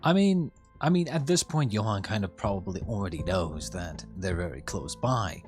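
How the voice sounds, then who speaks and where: A man with a lowish voice streams his casual reaction to an anime. He works through his thoughts out loud, halting and circling back over phrases, with some offhand swearing. Soft music plays behind him. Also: lively intonation. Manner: hesitant, thinks aloud, repeats phrases.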